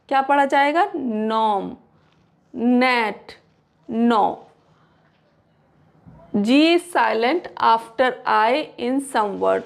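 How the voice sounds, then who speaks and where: Slow, gravelly woman teaching. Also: fairly high pitch. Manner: slow, drawn-out English rule reading with repeated examples. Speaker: English teacher. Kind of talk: Hindi-English pronunciation lesson.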